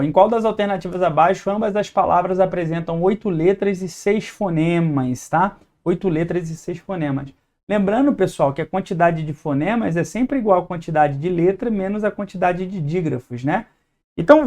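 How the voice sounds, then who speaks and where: At a whiteboard, a male teacher with a Brazilian Portuguese accent leads an exam-prep lesson step by step, his voice a little high for a man, brisk and somewhat mellow. He keeps making sure his students follow along, checking in with "tá?" and "beleza?".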